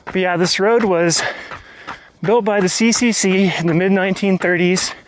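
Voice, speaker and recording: A man's voice: high voice, moderate pace, a little hiss or hum. A man hosting a vlog, talking casually and explaining things as he goes, recorded outdoors on a trail. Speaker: vlog host.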